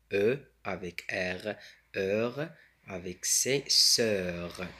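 A man teaching French reading, sounding out words slowly with pauses and explaining in Arabic. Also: lowish voice, fairly bright tone. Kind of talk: slow syllable-by-syllable reading lesson.

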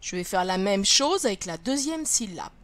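A woman, a first-grade teacher, gives a reading lesson to young children, sounding out letters and syllables slowly and clearly. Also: mid-range voice, big pitch swings, a bit bright.

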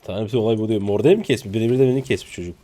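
Talking very fast, a Turkish man in his twenties streams and narrates his own gameplay live. Jokey and excitable, he swears casually and breaks into abrupt high-pitched yelps.

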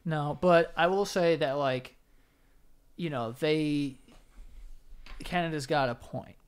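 A young man co-hosting a podcast, casual crude banter with animated, quick interjections, on a desk mic in a small studio. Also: on the high side, clear, resonant tone. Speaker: podcast co-host. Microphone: desk-mounted podcast mic, headphones.

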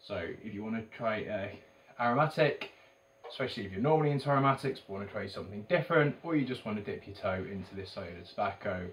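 Low-voiced English man, recorded at a distance. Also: lively intonation, fast. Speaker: tobacco shop video reviewer. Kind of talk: casual product review to camera. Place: indoors, in a shop corner by a banner. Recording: distant mic with faint background noise.

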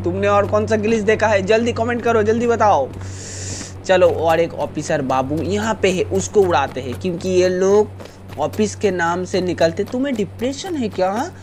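Playful Indian man streaming a game. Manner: playful, mock-scolding, jumps from low grumble to high yelps. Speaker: gaming streamer. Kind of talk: live gameplay commentary. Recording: noisy game stream with car sounds.

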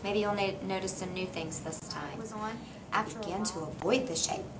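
Reading aloud to a kindergartener, this middle-aged teacher uses a medium-pitched voice at a quick pace, encouraging the child and posing questions. They're in a small indoor reading corner of a classroom. The camera mic sits a few meters back, picking up a noisy room.

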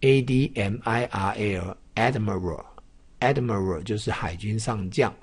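A man teaches English phonics at a very unhurried pace. He spells out each word letter by letter and says it again and again. His voice is mid-pitched and a little husky. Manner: slow, repeats words many times, spells out letters. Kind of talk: classroom-style phonics lesson.

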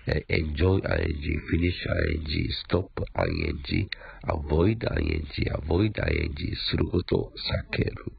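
A man's voice: a bass voice, big pitch swings, brisk, vocal fry, lo-fi sound. A man with a Japanese accent teaching an English vocabulary lesson, repeating words and spelling them out letter by letter.

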